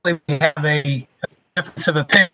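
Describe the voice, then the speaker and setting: A man's fairly high, bright voice comes over a distant phone line with the phone held away from his mouth. He speaks haltingly, and the sound drops out and breaks up as he gives testimony to a hearing. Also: steady tone. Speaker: witness at a public hearing.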